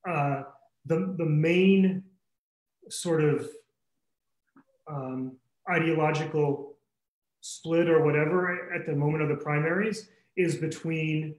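A man's voice: fairly high pitch, fairly even intonation, takes it slowly, pauses often. A man from Pennsylvania in a casual political discussion, thoughtful and searching for his words. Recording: roomy echo.

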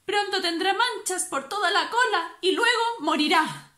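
A woman voicing a small, timid young male frog who cries out in a high, excited voice. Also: normal speed, roomy sound.

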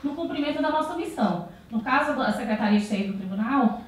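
Speaking into a handheld microphone on a large auditorium stage, this Brazilian conference speaker in her thirties has a high-pitched, lively voice and a slightly quick pace. She frequently restarts sentences and tacks on tag questions. There's a little hiss or hum, heavy hall echo, and her voice comes from a distance.

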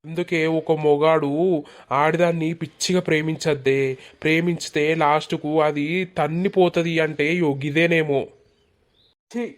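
Performer as a sulking village man in a cartoon, Telangana accent, monotone, reproachful and pleading. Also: medium pitch, close to an everyday voice. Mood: scolding. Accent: Telangana Telugu. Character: hurt, resentful village man in love. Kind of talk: animated village comedy dialogue.

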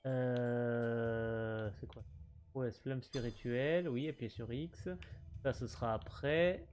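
His mid-range voice is a little mellow, and he takes things slowly. A male streamer, he offers casual let's play commentary over light game music, chatting with viewers and muttering the on-screen text aloud.

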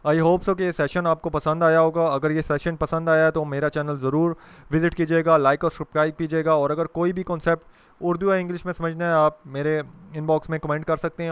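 Male trainer lecturing, crisp dry voice. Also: a little high, little pitch movement, no echo. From Pakistan. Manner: explanatory, mixes in English terms, fillers. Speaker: corporate trainer.

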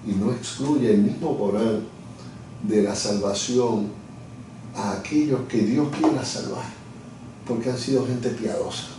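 A middle-aged lawyer and communications director, interviewed at his office desk, explains his views in a reflective, conversational way, often restarting as he searches for words. He speaks in a mid-range voice at a measured pace. The echoey room is recorded from far off, with a noisy background.

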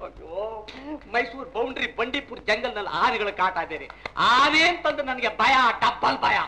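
A man's voice: extremely high pitch, moderate pace, sharp tone, a little hiss or hum, full character voice. An actor playing a bossy, impatient middle-aged husband and father who scolds his wife. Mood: grumbling. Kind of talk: 1960s film acting. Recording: dull old film soundtrack with music.

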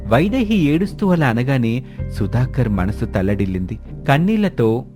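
A man narrating a cartoon storybook in a steady, clear telling voice. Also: mid-range voice, normal speed, music in the background.

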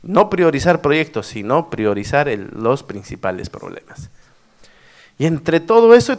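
A middle-aged man gives an anecdotal workshop talk. His voice sits at an ordinary pitch, and his delivery swings up and down as he tells stories. He keeps checking in with the audience through tag questions. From Peru, Cusco region. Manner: animated storyteller with frequent tag questions. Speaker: former district mayor giving a workshop talk.

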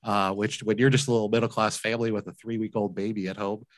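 On a dry recording, a man with a lowish, level voice talks fast. This forties-aged business owner, a laundromat entrepreneur, is the guest on a video call interview, telling his story earnestly and emphatically and repeating words when he gets moved. He's indoors at home, speaking into a large desk mic while wearing headphones.

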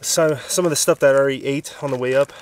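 Fresh off a hard hike, this thirties-something Southern Californian vlogger chats to his handheld camera from a mountaintop, tired but laughing a lot. His mid-range voice keeps a steady tone at a quick pace, and there's slight background noise.

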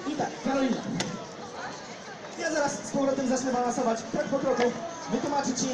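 A man's voice: very high voice, steady tone. Young male street juggler, joking crowd-work, distant phone recording in a noisy echoey square. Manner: joking, directs volunteers and crowd with quick instructions. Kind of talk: live street show patter to a crowd. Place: large outdoor town square with a big crowd. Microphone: no mic, caught by a phone camera in the audience.

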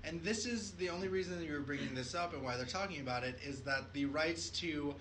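A man's voice: a little high, brisk, a bit bright, slight background noise, poor audio. A man hosting a casual news podcast, laughing often and swearing while he retells stories. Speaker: podcast host.

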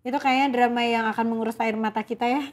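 A middle-aged woman hosting a casual chat, playful and quick to laugh. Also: fairly high pitch, fairly even intonation. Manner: chatty, laughs easily, playful. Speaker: host. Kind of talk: casual chat reviewing K-dramas.

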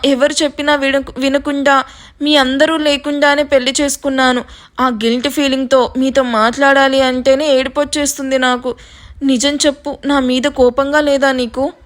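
A woman's voice: high-pitched, lightly acted. A woman voicing a young married daughter, remorseful and near tears. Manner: remorseful, emotional.

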